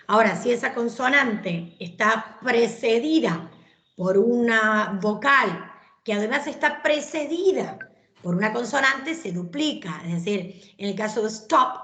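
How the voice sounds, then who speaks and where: A woman's voice: a little high, fairly bright tone. A woman, teaching an English grammar class and explaining patiently, often checking that students follow. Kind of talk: online class lecture. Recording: roomy echoey recording.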